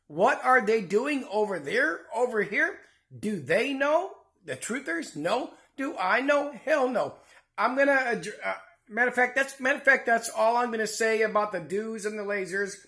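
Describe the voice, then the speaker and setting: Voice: medium pitch, animated, moderate pace, sharp tone. A channel host giving a rambling, profane commentary rant from indoors at home, angry and full of restarts. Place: house, indoors.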